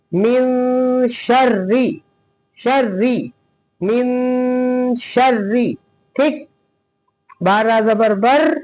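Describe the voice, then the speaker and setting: A man teaching a Quran reading lesson, spelling out each syllable slowly and asking his students questions as he goes. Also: sits high, a little mellow, poor audio. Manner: patient, repeats each syllable and asks the class questions.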